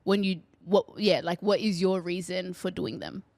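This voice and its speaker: A woman's voice: fairly low pitch, normal speed, no echo. A woman hosting a podcast in casual chat. She jokes along playfully with her guest. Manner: playful, animated interviewer who jokes along. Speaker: podcast host.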